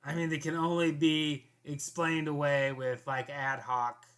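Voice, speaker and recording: A man's voice: a little high, level tone, a little slow, a bit bright. A man hosting a commentary show, talking casually and rambling, with many restarts and fillers. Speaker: commentary host.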